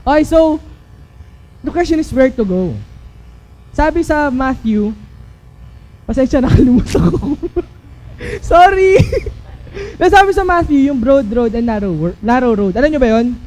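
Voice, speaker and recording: A man's voice: very high voice, expressive, measured pace, pauses often, darkish tone, low-quality recording. A man from the Philippines giving a youth sermon in a playful, chatty way, often checking in with his audience. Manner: playful, keeps asking the audience to agree. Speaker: youth speaker.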